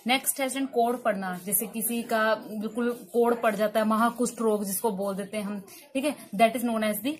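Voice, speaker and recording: A woman's voice: a little high, steady tone, moderate pace. Woman teacher drilling English vocabulary. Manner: repeats each word as a drill question and answer. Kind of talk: spoken vocabulary lesson in Hindi and English.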